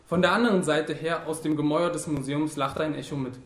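Male narrator, grave and measured, fairly high voice, echoey room. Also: fairly even intonation, a bit bright. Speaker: audiobook narrator. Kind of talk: scripted narration.

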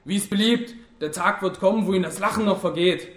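A man's voice: high-pitched, fast, echoey room, pitched above the performer's own voice, close to an everyday voice. A man doing a spiteful wounded young fascist clerk. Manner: clipped, spiteful.

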